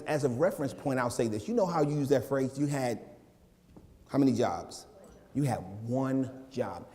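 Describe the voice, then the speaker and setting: A minister in his forties preaches in a loose, joking, conversational way, full of playful asides. His voice is warm and mellow. It carries the long reverb of a church sanctuary. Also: high voice. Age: 40s. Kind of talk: sermon.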